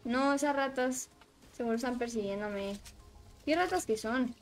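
A woman streaming a game, chatting casually with her viewers and getting excitable as she plays. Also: a little high, normal speed, soft background music. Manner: excitable, shrieks and laughs while playing, chats with viewers. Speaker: livestreaming gamer. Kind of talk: casual gaming livestream chat.

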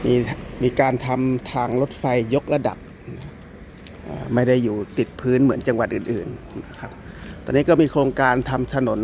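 A man's voice: medium pitch, fairly even intonation, normal speed, a little mellow. A man from northeastern Thailand with an Isan Thai accent, chatting casually as he walks a narrow street at night, rambling with many restarts. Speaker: vlogger. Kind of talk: casual walking vlog commentary. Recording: noisy outdoor street recording.

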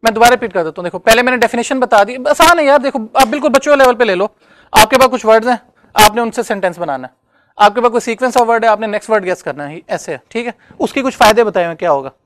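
A man's voice: very high voice, lively intonation, fast talker, fairly bright tone, no echo. Male lecturer, chatty. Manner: conversational, checks understanding often. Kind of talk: classroom lecture.

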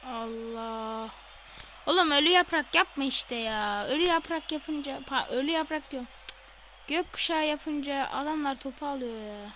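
A woman playing a football video game live, excitable, yelling instructions at the screen and swearing. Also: sits high, normal speed, slight background noise. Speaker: gamer.

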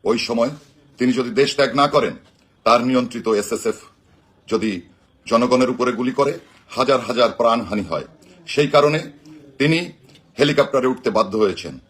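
A Bangladeshi man delivers a political address on a live stream. His voice sits at a middle pitch and sounds husky. He speaks in emphatic, slogan-like phrases. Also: normal speed, pauses often, a bit bright. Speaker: political party activist.

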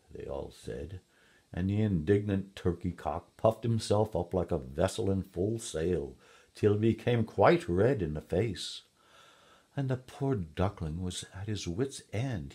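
Brief: male storybook reader, deep and husky, slow and measured. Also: mellow. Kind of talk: storybook reading.

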